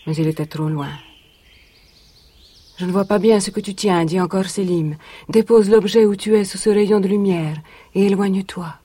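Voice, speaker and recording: Haydée, a woman playing a husky young storyteller. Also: mid-range voice, fairly even intonation, dark tone, no room sound, lightly acted. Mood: solemn. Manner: measured, solemn recounting. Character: young woman, former captive, grave storyteller. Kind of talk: 1980s radio drama. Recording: vintage radio recording.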